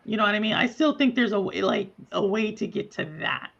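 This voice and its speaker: A guest in a casual talk who speaks reflectively and haltingly, with many fillers. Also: medium pitch, creaky, a bit bright, highs cut off. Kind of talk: casual chat.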